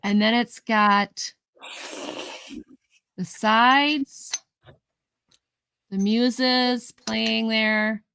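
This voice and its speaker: A woman's voice: fairly high pitch, fairly even intonation, extremely slow, vocal fry, pauses often, bright, forceful tone, smooth, dry recording. A woman hosting a casual live vintage sale, chatting as she describes each item in detail and counts down the sales. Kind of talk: casual live-stream selling.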